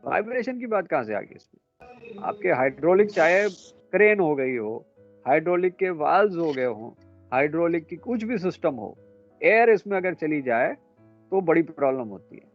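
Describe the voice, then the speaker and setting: A man lecturing students in a classroom, brisk and a little scolding as he quizzes them. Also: a little high, very animated, lo-fi sound, soft background music. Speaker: instructor.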